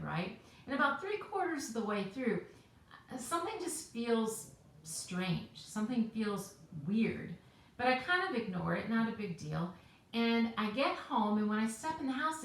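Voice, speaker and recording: Woman, devotional host, casual chatty storytelling, "right?" asides, mid pitch, very echoey room. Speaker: host of a weekly devotional video.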